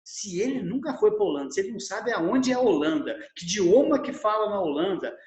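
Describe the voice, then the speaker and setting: Male lecturer, middle-aged, high voice, roomy video-call echo, animated and given to acting out examples. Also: brisk. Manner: animated, acts out little dialogues in his examples. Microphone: video call microphone.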